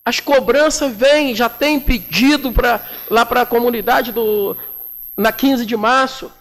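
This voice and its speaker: Brief: high-pitched Brazilian councilman in his 40s, combative and slangy, speaking at a chamber desk mic. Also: slow, fairly bright tone. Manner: combative, indignant, with colloquial slang. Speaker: city councilman. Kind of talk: plenary floor speech. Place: municipal council chamber, indoors. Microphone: desk microphone.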